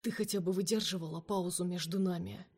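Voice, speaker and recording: A woman's voice: lowish voice, steady tone, a little fast, a little mellow, husky. A woman voicing a bitter, jealous man who speaks in a cold, cutting way. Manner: cold, cutting, at times hissed.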